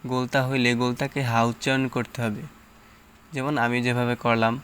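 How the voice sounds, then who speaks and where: Male Quran teacher, patient syllable-by-syllable tajweed lesson, monotone delivery. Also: medium pitch, a little hiss or hum. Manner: slow, patient, drawn-out syllables with explanations.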